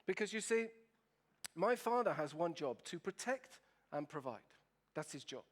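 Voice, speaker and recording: A man's voice: a little high, sing-song, moderate pace. Italian man giving a humorous talk. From Italy. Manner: playful, asks the audience questions. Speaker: keynote speaker. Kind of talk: humorous presentation to an audience.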